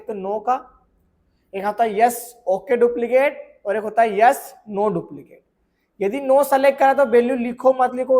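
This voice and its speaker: A man's voice: very high voice, darkish tone. Man teaching, checking if you follow. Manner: keeps checking if students follow; asks rhetorical questions and answers them. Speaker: computer course teacher. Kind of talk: screen tutorial lesson.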